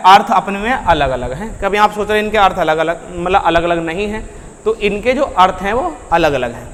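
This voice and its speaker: Male teacher with a high voice lecturing a class and quizzing students as he goes, in a room with a long echo. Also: a bit bright, a little hiss or hum. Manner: asks students questions and answers them himself; addresses students as beta and bhaiya. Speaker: Hindi grammar teacher.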